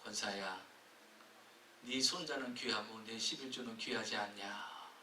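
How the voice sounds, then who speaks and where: Stern low voice of God, as a man preaching puts it on. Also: fairly even intonation, sharp tone, a little hiss or hum. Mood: stern, reproachful. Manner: slow, low and reproachful. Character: stern voice of God, male, solemn. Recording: echoey church hall from a distance.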